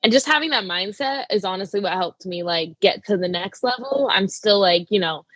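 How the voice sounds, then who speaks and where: A woman's voice: mid-range voice, animated, normal speed, a bit bright, dry recording. Young woman from arizona chatting about herself, says like a lot, dry kinda dull mic. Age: young adult. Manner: chatty, lots of "like" fillers. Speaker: wrestler guest. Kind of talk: casual interview talk.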